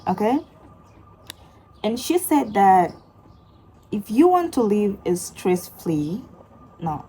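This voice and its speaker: A young woman vlogger telling a personal story in a casual, chatty way, full of fillers, with sudden animated outbursts. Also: medium pitch, a little hiss or hum, low-quality recording.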